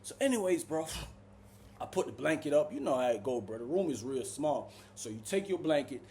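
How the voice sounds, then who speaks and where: A man telling a prison story in a casual, animated, slangy way. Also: a little fast, a little hiss or hum. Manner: animated, slangy, keeps saying "bro" and "boom".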